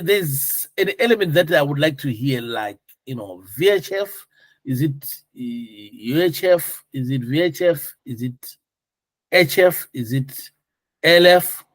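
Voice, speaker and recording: With a slightly high voice, a male instructor explains material informally, constantly checking with questions that his students are keeping up. The recording is fairly dry, with no room sound.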